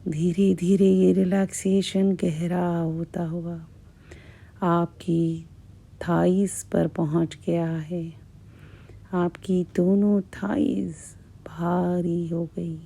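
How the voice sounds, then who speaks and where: Slow, creaky, dark-voiced female hypnotist. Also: lowish voice, level tone. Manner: hushed, repetitive, measured delivery with long pauses. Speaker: hypnotist guiding a relaxation session. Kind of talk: slow, soothing guided hypnosis.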